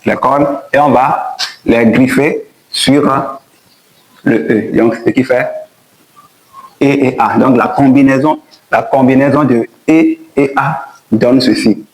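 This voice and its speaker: A man teaching a spoken language lesson, patiently repeating each point and sounding out letters slowly. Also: medium pitch, steady tone, darkish tone, poor audio.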